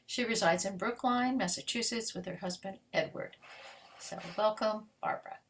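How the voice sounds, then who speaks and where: A woman's voice: medium pitch, normal speed. A woman hosting an online poetry event, welcoming the audience and reading out the first poet's bio in a plain, level way. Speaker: host and event organizer. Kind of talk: introducing readers at a poetry event.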